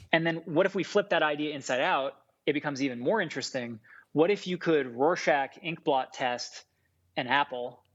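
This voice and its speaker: A Farsi-speaking-raised man who is a food scientist and chef chats casually as a podcast guest, rambling and animated with plenty of fillers. His voice sits in the mid range. The recording is dull and lo-fi.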